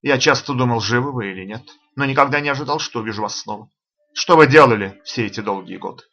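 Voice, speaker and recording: A man's voice: mid-range voice, quick pace, bright, forceful tone, dull audio. A man reading the part of a proud, brusque old general who talks in curt, commanding phrases, as audiobook character reading. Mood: uneasy.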